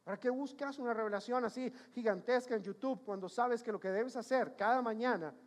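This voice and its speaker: A man's voice: very high voice, brisk. A man preaching a sermon as pastor, emphatic, repeating his points and questioning the congregation.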